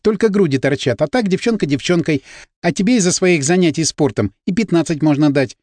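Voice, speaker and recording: A man reading an audiobook, voicing a teenage schoolgirl who is affectionate, teasing and quick to get jealous. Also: on the high side, a little mellow, dry recording, natural voice.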